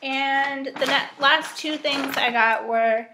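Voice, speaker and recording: Young woman, casual vlogger, slightly high voice, upbeat and chatty, webcam at home. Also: steady tone, slow pace, background noise. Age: young adult. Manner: chatty, upbeat, frequent ums and likes. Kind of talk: casual grocery haul vlog. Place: home dining room indoors.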